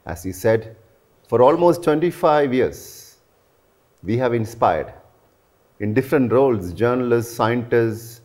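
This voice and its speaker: Recorded indoors in a living room, an aerospace and defense journalist hosts a promotional interview, earnest and frequently saying "you know." His voice is mid-range and a little mellow, with lively intonation, a slightly slow pace, and long pauses.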